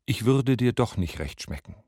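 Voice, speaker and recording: A man voicing a talking flatfish, an enchanted prince, who pleads calmly for his life. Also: mid-range voice, normal speed, dry recording, clean studio sound, close to an everyday voice. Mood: pleading. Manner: calm pleading.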